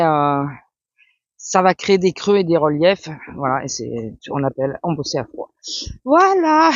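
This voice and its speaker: A woman's voice: on the low side, dry recording. Woman vlogger, casual rambling chat, muffled dry home recording. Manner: rambling, chatty, many fillers. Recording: dull lo-fi sound.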